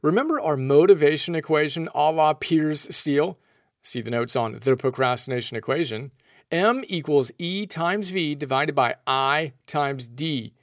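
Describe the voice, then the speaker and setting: A man's voice: on the high side, a little slow, no echo, studio quality. A man reading a scripted, motivational book summary in an earnest tone, quoting passages aloud. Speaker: host summarizing books.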